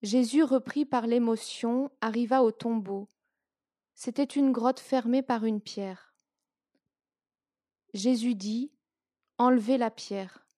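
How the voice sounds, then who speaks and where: A woman reading scripture aloud in a slow, measured, reverent way. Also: a little high, steady tone, dark tone, dry recording, clean studio sound. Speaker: scripture reader.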